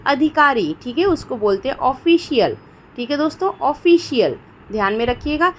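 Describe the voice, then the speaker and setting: A woman's voice: high voice, animated, moderate pace, a little hiss or hum. Indian woman teaching English vocabulary. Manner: repeats "theek hai doston" often and asks questions before giving answers. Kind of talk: spoken vocabulary lesson.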